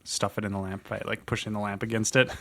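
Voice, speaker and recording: Creaky low-voiced man playing tabletop games. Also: flat delivery, quick pace, fairly bright tone. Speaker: player. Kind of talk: casual tabletop role-play talk.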